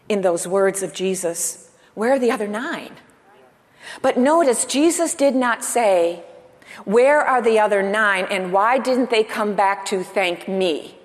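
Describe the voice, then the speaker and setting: A woman pastor delivers a sermon in a mid-range voice. She stops to put questions to the congregation and leans on pauses for emphasis. Her voice carries a long reverb from a large church sanctuary. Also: medium pitch.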